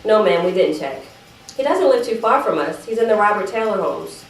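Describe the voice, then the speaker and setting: A woman gives a dramatic reading as an evasive teenage sister making excuses to Mama, sheepish and apologetic yet defensive and prone to chatty digressions. Her mid-range voice is expressive, a little fast and close to an everyday voice. It's a monologue read aloud at a live event, recorded from a distance in a roomy space with faint background noise.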